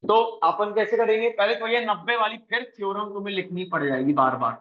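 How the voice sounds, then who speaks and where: A man teaching a coaching class, briskly quizzing his students and mixing English math terms into his talk. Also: high voice, highs cut off. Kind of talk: classroom lesson.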